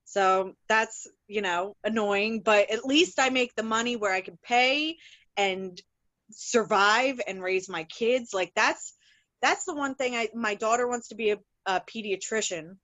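A talkative woman plumber in a casual conversation, her voice sitting a little high. She rambles with plenty of "like" and false starts. The recording is dry and close, with no room sound. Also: unhurried, no room sound, lo-fi sound. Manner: chatty, rambling, many fillers and restarts; animated, laughs while telling stories. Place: works in Philadelphia.

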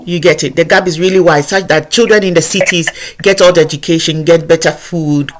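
A woman's voice: lowish voice, steady tone, brisk. Earnest woman hosting a podcast. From Ghana. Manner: earnest, emphatic, repeats phrases while thinking. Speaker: podcast host. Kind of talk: conversational podcast interview.

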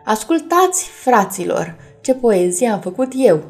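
A woman's voice: fairly high pitch, sing-song, a little mellow, soft background music. Habar n-am, a woman voicing a boastful boy poet. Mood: proud, eager. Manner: eager, proud, innocently stubborn. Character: clumsy boastful boy poet, storybook character.

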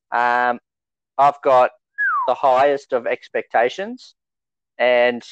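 A fantasy rugby league podcast co-host from Australia talks casually with his mate in a smooth, mid-range voice. The lo-fi recording sounds slightly dull, with no echo.

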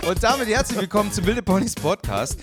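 A man's voice: high-pitched, very animated, brisk, music in the background. A man from Bavaria hosting a comedic podcast, joking and mock-indignant, laughing often. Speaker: podcast host. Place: home studio.

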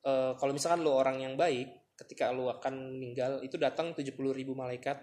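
A man's voice: mid-range voice, fairly even intonation, a little fast, a little mellow. Man retelling a story. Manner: storytelling, retells scenes with quoted dialogue. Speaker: podcast co-host. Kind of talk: casual podcast chat.

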